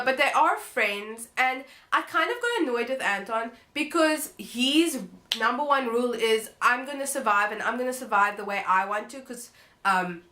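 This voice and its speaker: Casual female book vlogger, high bright voice, nasal and stuffed up with a cold. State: congested, blocked nose from a cold. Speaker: book review channel host. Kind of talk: casual vlog book review.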